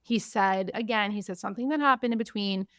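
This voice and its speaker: A woman hosting a podcast, recapping in casual chat, animated, acting out what others said. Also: mid-range voice, fairly quick, smooth, dry recording, studio quality. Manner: animated, acts out quotes, frequent "like". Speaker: podcast host.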